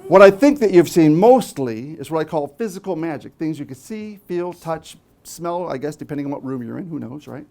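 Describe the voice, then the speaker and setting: A man's voice: on the high side, animated, a little fast, vocal fry, few pauses, dark tone. A man performing as a stage magician, giving live patter to an audience, teasing volunteers playfully and tagging questions onto his phrases. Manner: frequent tag questions. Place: small theatre stage before a live audience.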